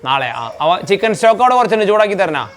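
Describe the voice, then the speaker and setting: A woman's voice: medium pitch, lively intonation, rapid-fire, a little hiss or hum. Chatty woman vlogging her home cooking. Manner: chatty, mixes English into Malayalam. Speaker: family vlogger and home cook. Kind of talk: casual vlog chat and cooking narration. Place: home kitchen and dining area.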